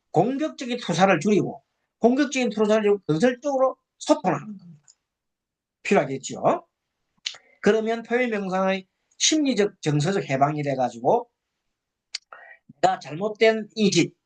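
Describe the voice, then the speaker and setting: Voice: mid-range voice, darkish tone. Teacher lecturing, asking rhetorical questions. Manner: asks listeners rhetorical questions and repeats phrases; slow, drawn-out breathing cues. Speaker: meditation lecturer. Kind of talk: lecture with guided breathing.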